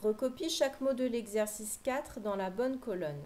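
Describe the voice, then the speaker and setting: A woman teacher giving a slow, patient phonics lesson for young children, spelling out sounds clearly. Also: fairly high pitch, warm tone, low-quality recording.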